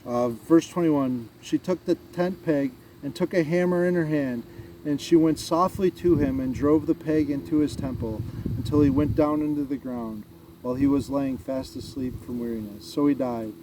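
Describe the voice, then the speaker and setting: A man hosting a vlog, reading a Bible passage aloud and chatting about it in a halting way with many fillers. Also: medium pitch, a little hiss or hum, rough recording. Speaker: vlog host. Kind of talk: casual Bible reading and chat.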